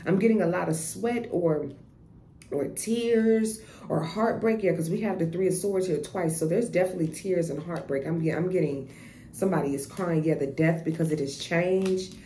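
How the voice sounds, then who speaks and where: Woman tarot reader, blunt and profane, lowish mellow voice, echoey room. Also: fairly quick. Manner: blunt, profane, repeats herself and restarts. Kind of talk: casual tarot reading monologue. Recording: echoey room with faint noise.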